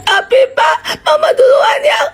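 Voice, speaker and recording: A woman doing a pampered little girl who whines and pleads in a very high, thin voice. The delivery is overdramatic and childish, over faint background music. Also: sing-song, unhurried, heavily acted. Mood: whining. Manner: whiny, pleading. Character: pampered young girl, whiny and dramatic.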